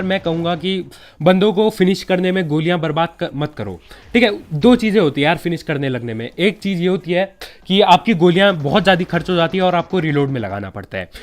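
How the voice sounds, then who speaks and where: A young man talks through game tips in a loose, chatty voice-over, pitched a touch higher than most men. He has a slight cold and keeps tossing in friendly asides to his viewers. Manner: chatty, keeps saying yaar and bhai, relaxed advice. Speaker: gaming YouTuber giving tips. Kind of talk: casual gameplay commentary.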